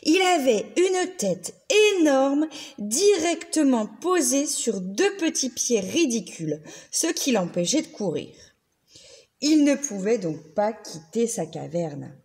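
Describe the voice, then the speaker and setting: A woman reading a children's picture book aloud, slow and very expressive. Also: a little high, slightly rough. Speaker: children's story reader.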